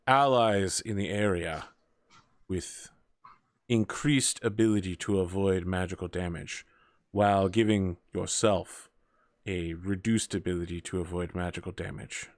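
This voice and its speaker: A man runs a tabletop game as game master, laying out items in a measured way. His voice is very low and the sound is dry and close. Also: fairly even intonation, no room sound.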